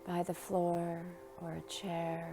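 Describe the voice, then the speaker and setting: Over background music, a woman leads a guided meditation slowly and soothingly, pausing at length between phrases. Her voice is on the low side and stays monotone.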